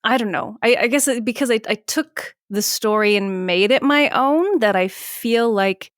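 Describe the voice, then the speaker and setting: A woman musician chatting as a podcast guest, rambling and animated, acting out her own past remarks. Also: on the high side, normal speed, no room sound, clean studio sound. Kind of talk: casual interview chat.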